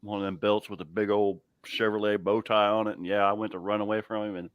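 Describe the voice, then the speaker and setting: A man's voice: fairly low pitch, little pitch movement, fast talker, clear, resonant tone, no echo, highs cut off. A middle-aged man, hosting a casual live chat and telling laughing stories. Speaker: livestream host. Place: home garage.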